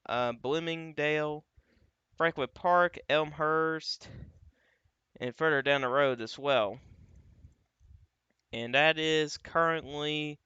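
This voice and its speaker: A man's voice: a little high, sharp tone, smooth, dry recording, muffled recording. A man hosting a live weather stream, walking through radar images in a casual, thinking-aloud way. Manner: casual, thinking aloud, frequent "uh" and "you got". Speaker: livestream weather host.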